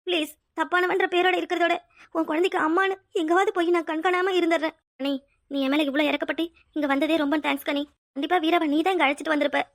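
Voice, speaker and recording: A woman's voice: very high voice, fairly even intonation, rapid-fire, dry recording, clean studio sound. A woman voicing a heartbroken, abandoned pregnant young woman in a cartoon drama. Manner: pleading, tearful. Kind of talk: cartoon voice acting.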